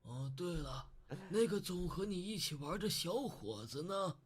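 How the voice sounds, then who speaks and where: An actor voicing a friendly old male neighbor in a visual novel, speaking in a slow, chatty, kindly way. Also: a little high, animated, slightly rough.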